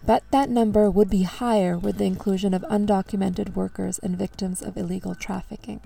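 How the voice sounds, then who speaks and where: A woman's voice: medium pitch, fairly even intonation, fairly quick, vocal fry, dark tone. A woman narrator reading a scripted news report, recorded a little away from the microphone. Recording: slightly distant mic. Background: faint music.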